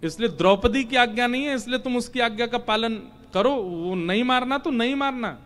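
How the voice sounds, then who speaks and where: A man's voice: extremely high pitch, moderate pace, a bit bright, faint music behind, voice pushed up. A man voicing a divine male lord who guides and presses with questions in a devotional story. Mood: urging. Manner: insistent, teasing questions.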